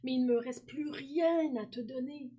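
A woman voicing a gentle, generous old male apple tree in a storybook read-aloud, tender and sighing. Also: sits high, normal speed, voice pushed up.

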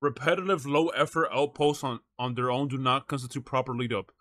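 This streamer has a mid-range, steady voice that's brisk and a little bright. Talking into a close microphone, he reacts to a video, reads stuff out loud, and keeps up slangy banter with his chat, dropping "bro" and "chat" a lot.

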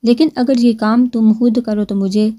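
A woman voicing a stern, possessive young husband who speaks in a serious, measured way, read in a storybook. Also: a little high, steady tone, mellow, no room sound, studio quality, natural voice.

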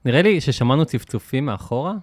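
A man's voice: mid-range voice, lively intonation. A man hosting a podcast in casual chat, playful and jokey, often cutting in with questions, recorded in a studio. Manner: playful, jokey, quick to interject. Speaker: podcast host.

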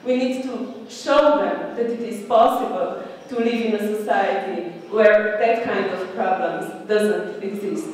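Woman panelist, slow and emphatic, far-off table mic in a big echoey hall. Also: medium pitch, darkish tone. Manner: emphatic, repetitive calls to action. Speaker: panel speaker. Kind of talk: conference talk. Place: large conference hall, seated at a panel table.

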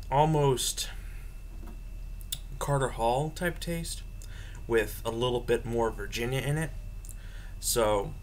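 Young man, halting, noisy webcam audio. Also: medium pitch. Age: young adult. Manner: halting, thinking aloud. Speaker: pipe tobacco reviewer. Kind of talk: casual unscripted review to camera. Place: small room at home, indoors. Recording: noisy home webcam recording.

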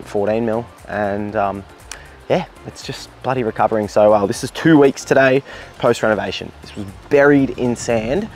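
Australian man in his thirties, relaxed backyard vlogger, mid-pitched voice, faint music underneath. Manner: relaxed, chatty, with fillers and self-corrections. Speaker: lawn care vlogger. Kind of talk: casual vlog talk to camera. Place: outdoors in a large backyard lawn. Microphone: handheld camera held at arm's length, partly a distant camera.

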